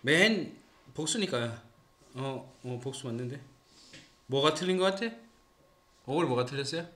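Animated man teaching with Gyeongsang accent. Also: mid-range voice, a little slow. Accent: Gyeongsang Korean. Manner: quizzing students, teasing and joking. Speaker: English teacher. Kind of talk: classroom grammar lesson. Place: small classroom. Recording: roomy classroom echo.

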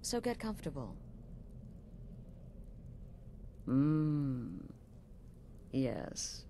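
Sly and welcoming, a woman plays a middle-aged assassin leader in a video game, her voice sitting low with a darkish tone. She is coolly sinister, measured, and knowing, using dramatic pauses, and there is slight background noise.

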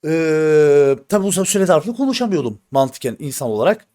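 A male streamer talks straight to his audience in a heated, venting way. His voice sits a little on the high side, and he leans on slang, swearing and repeated phrases to drive his points home. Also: expressive, normal speed, dark tone. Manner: addresses the audience directly, repeats himself for emphasis. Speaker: live streamer. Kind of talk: casual stream talk to viewers.

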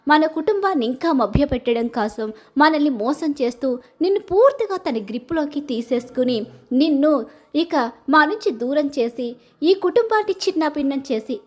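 A stern middle-aged mother-in-law scolds her household, as a woman puts her on, her high voice pressing each point slowly and with indignation. It is a storybook-style recap voice, not a full character performance. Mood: furious. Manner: indignant, scolding, drawn-out emphatic phrasing.

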